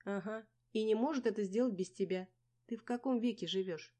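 A woman's voice: mid-range voice, a little fast, mellow, pitched above the performer's own voice, lightly acted. A woman reading an audiobook voices a blunt young female best friend who scolds and insists. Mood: bossy.

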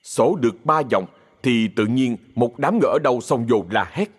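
Fields: Man, Southern Vietnamese storyteller, husky. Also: mid-range voice, animated, normal speed. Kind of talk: ghost-story narration.

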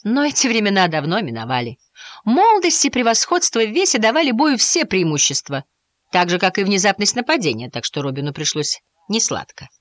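A woman narrating a children's audiobook with expressive storytelling. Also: medium pitch, brisk, no echo. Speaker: audiobook reader.

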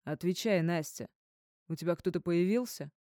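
A woman's voice: on the low side, normal speed, warm tone, no room sound, studio quality, close to an everyday voice. A woman voicing a drunk, jealous man who barks threats in an audiobook. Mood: jealous rage. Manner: barking, threatening.

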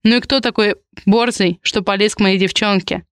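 A woman's voice: medium pitch, steady tone, moderate pace, dry recording, clean studio sound, natural voice. A woman reading an audiobook, voicing a protective, possessive young man in clipped, blunt lines. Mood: gruff.

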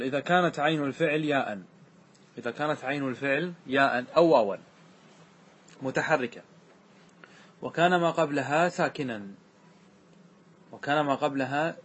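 A man teaching a classroom grammar lesson, slowly repeating word forms and often checking that his students follow. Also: a little high, slightly rough. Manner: asks students frequent check questions; repeats words slowly to show their forms.

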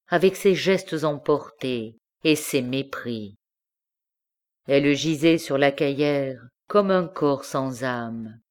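A woman reading a classic novel aloud as an audiobook, in measured, expressive narration. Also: low voice. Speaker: audiobook reader. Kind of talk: scripted literary narration.

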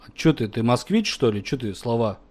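A man's voice: medium pitch, very animated, fairly quick, darkish tone. A man prank-calling a debt collector, mocking him and swearing in a heated argument. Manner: mocking, crude, swearing constantly.

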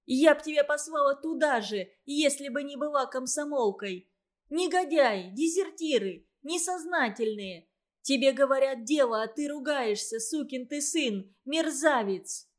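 A woman reading as a furious young girl, high voice, scolding, near tears, audiobook. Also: animated, slow pace, hardly any pauses. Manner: indignant, scolding, close to tears.

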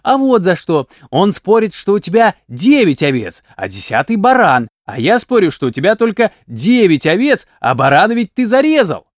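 A man voicing a cheeky young peasant nephew who talks brashly and quickly. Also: sits high, very animated, no room sound, clean studio sound.

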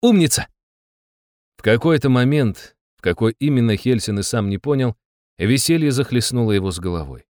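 A man's voice: mid-range voice, expressive, brisk, darkish tone, no room sound, clean studio sound. A man narrating a story in a wry, ironic tone. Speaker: audiobook narrator. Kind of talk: scripted narration.

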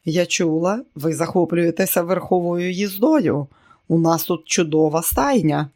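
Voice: mid-range voice, unhurried, darkish tone. A reader voicing a controlling, scheming rich matriarch in an audiobook, speaking dryly and politely. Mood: cool. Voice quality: dry, pointed. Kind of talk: audiobook character reading.

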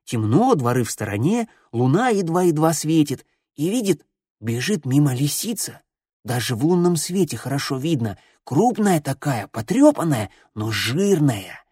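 Eager village boy in a storybook, high and jumpy, spinning a spooky tale, voiced by a man, dry close sound. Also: very animated, measured pace, dark tone, husky, no echo, full character voice. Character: excitable young village boy telling a rumor.

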